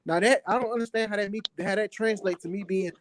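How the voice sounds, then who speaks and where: A man's voice: high-pitched, quick pace, a little hiss or hum. A man from New Orleans in a heated, casual boxing debate, defensive and slangy, repeating phrases for emphasis. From New Orleans, United States. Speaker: guest debater on a boxing talk show.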